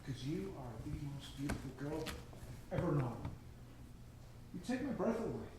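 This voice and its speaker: A man's voice: fairly high pitch, expressive, normal speed, natural voice. A man on stage playing a devoted but exasperated suitor in a drama. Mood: tender pleading. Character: devoted, exasperated male suitor named Bill. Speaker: stage actor. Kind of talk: stage play acting. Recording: very echoey theatre, distant mic, faint noise.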